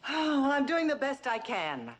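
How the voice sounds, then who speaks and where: An actress playing a faded actress hired as a double, patient and mildly wry, in a 1960s television drama. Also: female voice, high-pitched, sing-song, normal speed, rough recording.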